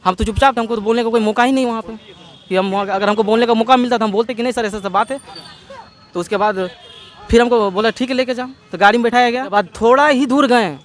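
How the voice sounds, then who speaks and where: A young man with a Jharkhand Hindi accent recounts his time in police custody outdoors, rambling and acting out what others said. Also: high voice. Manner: rambling retelling, quotes others' words, restarts. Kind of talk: emotional first-person testimony.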